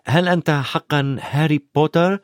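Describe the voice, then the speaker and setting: A man's voice: on the high side, steady tone, moderate pace, no echo, clean studio sound, voice pushed up, natural voice. A man voicing a shy, curious young boy in a storybook reading, asking eager plain questions.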